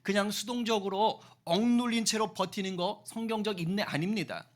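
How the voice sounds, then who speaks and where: A man preaching a sermon as pastor, lively, with rhetorical questions and acted-out quotes. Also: high voice, normal speed.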